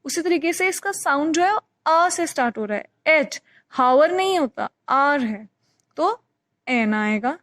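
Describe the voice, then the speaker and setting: Woman teacher, high voice, slow unhurried pace, patient, repeats points, dry close sound. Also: animated, a bit bright, dry recording. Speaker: English teacher. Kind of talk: explaining a grammar lesson.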